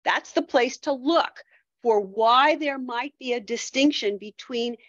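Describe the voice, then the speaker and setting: A woman's voice: a little high, a little slow, a bit bright, no echo, lo-fi sound. A woman giving an academic lecture, thinking aloud with frequent restarts and fillers.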